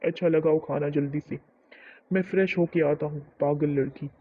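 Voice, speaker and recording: A man reading the lines of an impatient, protective young husband in a novel, briskly and plainly, on a muffled lo-fi recording. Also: fairly high pitch, fairly even intonation, slight background noise, lightly acted.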